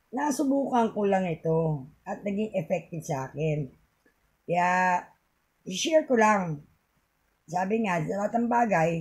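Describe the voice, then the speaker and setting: A woman's voice: fairly low pitch, a little mellow. A middle-aged woman with a Filipino accent, giving a home tip in a casual, rambling vlog and laughing often. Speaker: vlogger.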